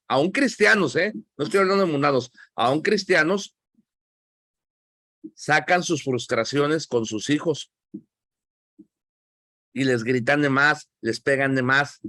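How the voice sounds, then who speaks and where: A man's voice: on the high side, fairly bright tone, no echo, studio quality. A man with a Mexican accent teaching a Bible class, talking conversationally and asking the class questions.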